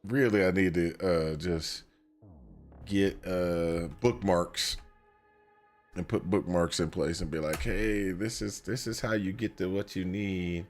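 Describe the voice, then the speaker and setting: Soft background music plays as a young man streams a video game, his deep voice steady and slow. He has a cold and sniffles, and his casual gameplay talk wanders with lots of fillers and restarts.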